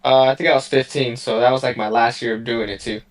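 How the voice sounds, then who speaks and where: Talking about his boxing past in a casual remote interview, a young Southern California man meanders along in an easygoing, laid-back way. His medium-pitched voice holds a steady tone, and he fills pauses with ums and you-knows.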